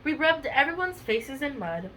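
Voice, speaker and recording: A woman's voice: sits high, sing-song, normal speed, bright, forceful tone, slight background noise, poor audio. A young woman reading a children's storybook aloud, chatty, with many fillers between pages. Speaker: storybook reader. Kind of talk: casual chat and read-aloud storytelling.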